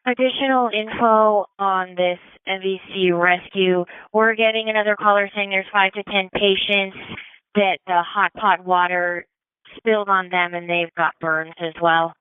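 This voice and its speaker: Female fire dispatcher, medium pitch, brisk procedural readbacks, dry band-limited radio transmission. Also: fairly even intonation, smooth, no echo, narrow, tinny audio.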